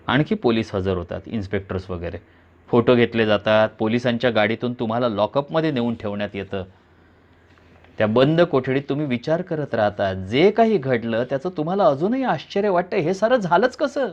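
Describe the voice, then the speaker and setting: A man's voice: medium pitch, animated, normal speed. A man giving a dramatic reading of a thriller, narrating suspensefully in the second person. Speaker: reader. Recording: dull lo-fi recording.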